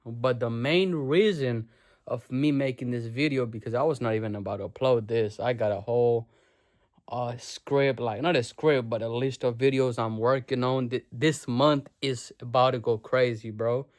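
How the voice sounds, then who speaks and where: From his bedroom, a young Nepali man vlogs directly to camera, slangy and cursing as he hammers a motivational message and calls viewers bro. His voice sits at a normal middle pitch, steady and a little mellow, in easy bursts at a moderate pace.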